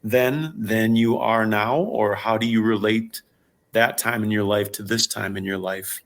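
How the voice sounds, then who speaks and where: A man's voice: lowish voice, steady tone, unhurried. A man asking an interview question in a casual, loose way. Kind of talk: conversational questioning.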